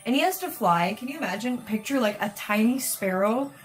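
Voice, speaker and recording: A woman's voice: a little high, animated, fairly quick. A woman casually chatting and teasing while watching a video game being played. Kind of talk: casual gameplay chat. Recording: faint game music behind.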